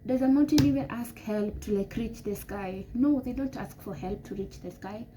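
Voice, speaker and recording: A woman's voice: on the high side, moderate pace. A woman, giving rambling, emphatic advice to camera as a vlogger. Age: 20s. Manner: rambling, emphatic, pep-talk tone. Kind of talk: casual advice talk to camera. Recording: noisy background.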